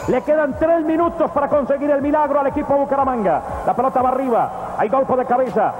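A man giving breakneck goal commentary on football, urgent and given to repeated drawn-out cries. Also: very high-pitched, a little mellow, roomy sound, in a large hall, slight background noise.

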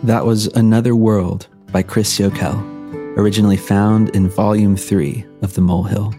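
A man's voice: on the low side, flat delivery, normal speed, dark tone. A man hosting a podcast in a playful, conversational, casual way. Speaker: podcast host. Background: acoustic guitar music.

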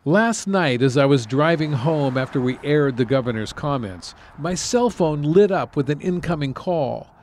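A man hosting and reporting on a news podcast, delivering measured, scripted narration. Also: fairly high pitch, expressive, a little mellow.

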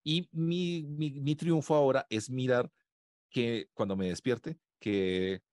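A young man co-hosting a podcast, telling animated stories and laughing often. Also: mid-range voice, slow pace, dry recording, studio quality. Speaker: podcast co-host. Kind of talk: casual podcast chat.

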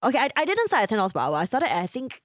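A woman's voice: fairly high pitch, wildly swooping pitch, rapid-fire, dry recording, clean studio sound. A woman with a Singaporean accent chatting casually as a radio DJ and co-host, candid and emphatic. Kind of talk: casual co-hosted chat.

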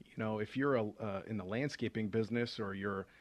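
Here a man with a fairly low voice talks a little fast, and there's no room sound. He's a financial advisor hosting radio, chatting about investing with lots of fillers and restarts.

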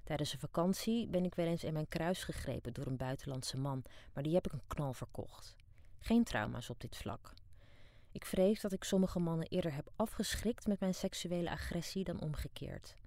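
A woman's voice: deep voice, expressive, normal speed, warm tone, no room sound, studio quality. A middle-aged woman from Amsterdam narrating her own diary as an audiobook, frank, wry and down-to-earth. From Amsterdam, Netherlands. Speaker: narrator and author.

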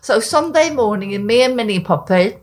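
A woman's voice: on the high side, lively intonation, fairly quick, a little mellow. Middle-aged woman, chatty and emphatic. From Essex, England. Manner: opinionated, emphatic, repeats phrases. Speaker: podcast host and newspaper diarist. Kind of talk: chatty podcast talk.

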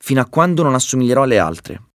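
A man's voice: deep voice, sing-song, brisk, vocal fry, a little mellow, dry recording, clean studio sound, heavily acted. A man voicing a timid young female flower who feels out of place, reading a storybook. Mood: plaintive. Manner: plaintive, fearful.

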